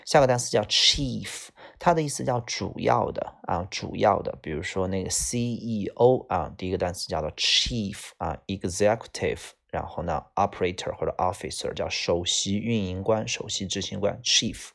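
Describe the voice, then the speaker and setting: Gravelly low-voiced male teacher. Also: moderate pace, hardly any pauses, a bit bright. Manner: explains word by word, repeats key words, frequent "啊" fillers. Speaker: English teacher. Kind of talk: vocabulary lesson.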